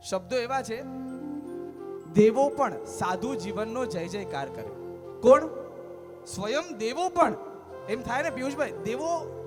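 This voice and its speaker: A man speaking at a religious farewell ceremony, telling a story with emphasis and swinging between soft and loud delivery. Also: extremely high pitch. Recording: music playing clearly behind.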